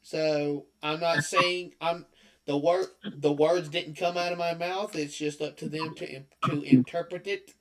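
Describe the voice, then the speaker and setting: A man's voice: fairly high pitch, fairly even intonation, a little slow, fairly bright tone. A man co-hosting a podcast in casual chat, full of hesitant restarts as he vents his opinions. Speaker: podcast co-host.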